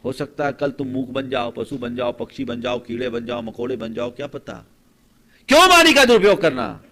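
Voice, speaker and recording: A male monk giving a sermon, telling stories and asking rhetorical questions, moving from soft speech to forceful emphasis. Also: mid-range voice, little pitch movement, fairly quick, slight background noise. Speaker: monk preacher.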